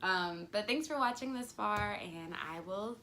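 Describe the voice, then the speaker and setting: A woman's voice: medium pitch, expressive, a little slow, bright, forceful tone, slight background noise. A young woman talking earnestly to camera about her faith, chatty and casual, acting out little quoted voices as she goes. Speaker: faith vlogger. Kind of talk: casual devotional talk to camera.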